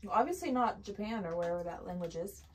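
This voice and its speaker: A woman's voice: medium pitch, animated, fast talker, a little mellow, slightly rough. A woman co-hosting a casual taste-test video, easygoing and game for anything, laughing a lot. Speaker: co-host.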